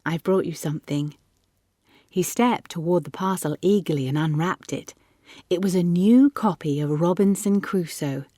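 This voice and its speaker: Woman narrating a story, fairly low. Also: dark tone, no echo, clean studio sound. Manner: measured storytelling. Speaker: audiobook narrator. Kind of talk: scripted narration.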